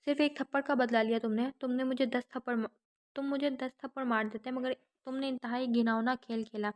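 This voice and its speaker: A woman's voice: high-pitched, fairly even intonation, close to an everyday voice. Brief: stern young wife, read by a woman, cold and hurt, audiobook novel.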